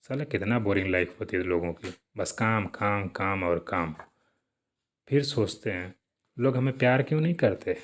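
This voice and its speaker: A man's voice: on the low side, normal speed, lightly acted. A man voicing a cocky, rude male devil king who mocks and flirts. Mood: smug.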